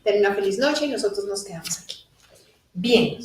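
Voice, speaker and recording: A woman giving a live spiritual talk to an audience, animated and laughing as she acts out little dialogues. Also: mid-range voice, moderate pace. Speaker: spiritual teacher. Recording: echoey room from a distant mic.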